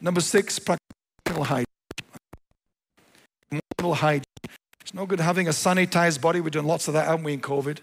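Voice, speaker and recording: Pastor guy giving a sermon, pretty high pitched, hammers his points home, big echoey hall. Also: fairly even intonation, a little fast, vocal fry, long pauses. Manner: emphatic, repeats key phrases.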